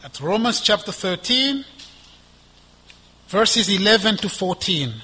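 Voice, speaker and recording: A man preaching a sermon, reading scripture slowly and deliberately with emphatic rises. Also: high voice, lively intonation, breathy edge. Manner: asides with soft laughter.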